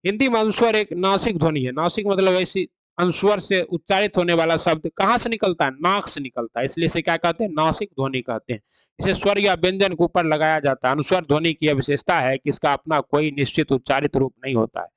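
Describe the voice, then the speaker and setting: A man's voice: fairly high pitch, a little fast, a bit bright, smooth, no echo. A man teaching Hindi grammar in an online exam-prep lecture, explaining rules and asking himself rhetorical questions.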